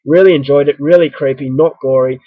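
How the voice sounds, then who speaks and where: This Australian vlogger, stuffy with the start of the flu, rambles casually to viewers in a self-mocking way. His mid-range voice moves a little fast with fairly even intonation, and the sound is phone-quality with no room sound.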